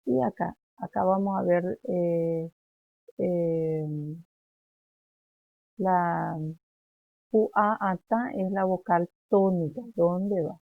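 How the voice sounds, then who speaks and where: A woman teacher from Paraguay gives a classroom lesson at an unhurried pace, her low voice gravelly with fry. She talks haltingly, with frequent fillers and restarts. The sound is dry and squeezed through a narrow, phone-like line. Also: dry recording. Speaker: primary school teacher.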